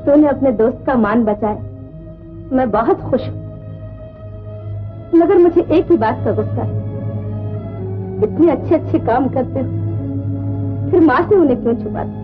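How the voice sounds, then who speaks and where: An actress playing a loving middle-aged mother who tenderly and gently scolds her children, in 1950s film acting. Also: high-pitched, lively intonation, normal speed, pauses often, over music. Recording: tinny old film soundtrack with score.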